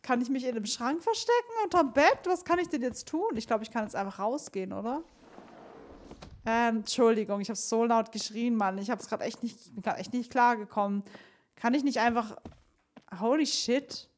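A woman's voice: fairly high pitch, normal speed. Chatty young woman playing a horror game. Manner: chatty, joking, talks to viewers while playing. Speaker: let's play host. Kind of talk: casual gameplay commentary.

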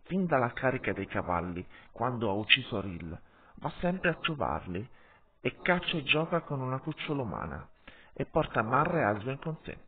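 A man's voice: medium pitch, sing-song, normal speed, breathy edge, pitched above the performer's own voice. A man voicing a nervous young wolf who tells on another, eager and defensive, in an audiobook with tinny sound. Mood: tattling.

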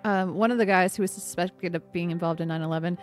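A woman from the United States co-hosting a let's play, chatting casually with profanity and dark humor. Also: fairly low pitch, steady tone, fast, soft background music. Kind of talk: casual chatty gameplay commentary.

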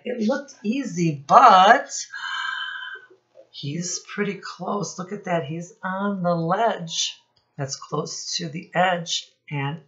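An early childhood teacher reads a children's storybook aloud from a small room at home, speaking unhurriedly in a lowish, fairly bright voice. She talks directly to young viewers, stopping to point things out and ask questions, though the audio sounds dull.

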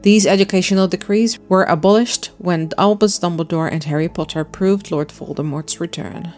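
A woman's voice: on the low side, normal speed, a little mellow, soft background music. A woman hosting a crafting vlog, explaining her miniature build step by step in a friendly, chatty voice-over. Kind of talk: casual voice-over narration.

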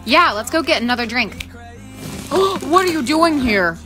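A bratty teen girl full of snark, as a woman plays her in a slightly high voice. She teases and talks over people in a comedy skit, over background music. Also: animated, unhurried. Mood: snarky. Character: bratty teenage sister and friends. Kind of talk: acted POV skit.

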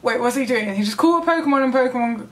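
Excitable woman vlogger, high and very animated, gushing reaction. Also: very fast. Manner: excitable, gushing, squeals and gasps. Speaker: gaming vlogger. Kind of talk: live trailer reaction.

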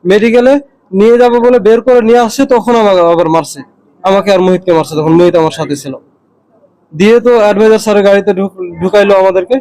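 Young guy with a high voice, rambling through what happened to him, keeps restarting. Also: steady tone, fast, mellow, poor audio. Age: young adult. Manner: earnest, rambling retelling with frequent restarts. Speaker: university student recounting an attack. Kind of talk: first-person spoken account.

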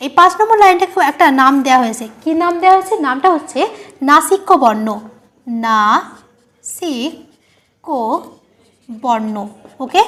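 A woman's voice: sits high, fairly bright tone. A woman teacher talks through an online grammar lesson. She is patient and repeats each point, often asking a short question and then answering it herself. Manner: patient, explains by repeating and quizzing the listener.

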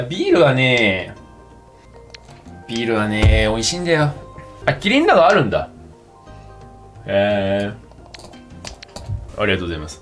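A tipsy young man chatting casually and rambling in slangy speech as he livestreams a game over drinks. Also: mid-range voice. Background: game music.

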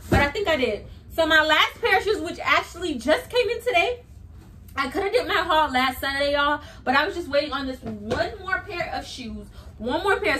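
A young woman with a high, bright voice chats through a casual haul vlog. She acts out every exchange in her story with animated energy. She sits back from the camera mic at home. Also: far from the mic. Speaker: vlogger.

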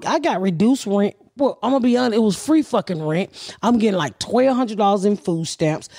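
A woman's voice: medium pitch, darkish tone, dry recording, studio quality. Blunt, profane woman telling stories. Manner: blunt, profane, rambling storyteller. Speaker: podcast host. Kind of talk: casual storytelling chat. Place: living room couch, indoors. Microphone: handheld mic with headphones.

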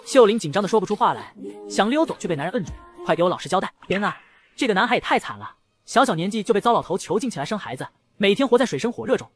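Over faint background music, a man with a high-pitched voice rapidly narrates a comic recap from a script. He reads every character's lines himself, voicing both lovers in a lively acted dialogue.

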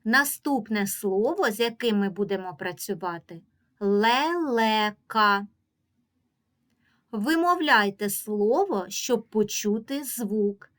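A woman with a Ukrainian accent teaching a reading lesson to young children, drawing out each example word slowly and giving patient, clearly paced instructions. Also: medium pitch, animated. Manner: slow, drawn-out pronunciation of example words.

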